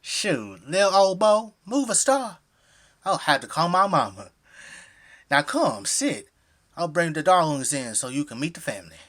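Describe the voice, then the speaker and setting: In an audio drama, an actor plays a friendly, folksy middle-aged family man with an American Southern accent. His slightly high, a bit bright voice swings widely in pitch at a somewhat slow pace. He's jovial, effusive, welcoming and hospitable.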